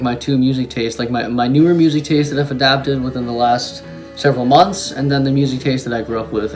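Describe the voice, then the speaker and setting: On a rough recording with music behind him, a young musician with a mid-range voice talks casually to camera about his song. German is his first language, and he rambles eagerly, with lots of ums and restarts.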